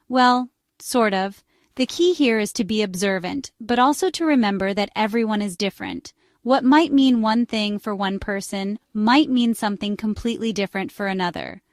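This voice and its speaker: A woman with a slightly high voice narrates scripted relationship advice in a clean studio recording with no room sound. She's chatty and speaks directly to the listener.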